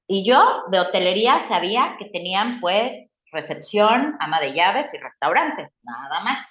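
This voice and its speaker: A middle-aged woman with a Mexican accent tells her career story in a casual interview and acts out her own past reactions with lively voices. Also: mid-range voice. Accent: Mexican Spanish. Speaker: guest. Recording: roomy, slightly dull sound.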